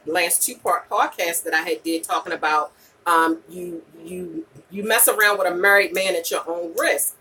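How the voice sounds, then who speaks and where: A woman in her late forties, a vlogger and podcaster chatting live with viewers, gives candid, emphatic advice in a casual, slangy livestream, repeating points for weight and peppering them with "okay?" and "you know." Her medium-pitched voice is bright and forceful. The low-quality recording has a distant mic and a little hiss or hum.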